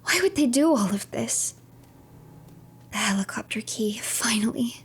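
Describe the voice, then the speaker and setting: A woman streamer narrates her game playthrough as a third-person story, hushed, dramatic and creaky like a storyteller. Her voice is a little high, with lively intonation and an unhurried pace.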